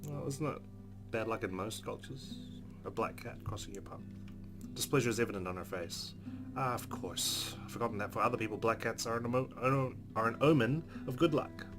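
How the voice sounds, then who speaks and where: A man with a medium-pitched voice speaks fairly quickly as he plays through a visual novel for a let's play. He reads the narration expressively and adds casual, wry comments while guitar game music plays.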